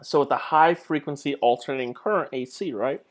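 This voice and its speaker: This clinical instructor talks fairly quickly, his voice sitting in the mid range. He runs through slides casually, as if chatting, posing rhetorical questions and poking fun at himself along the way.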